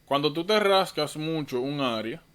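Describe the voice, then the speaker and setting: A man's voice: fairly high pitch, lively intonation, normal speed, clear, resonant tone. A man tutoring medical students in an online lecture, informal and thinking aloud, often correcting himself.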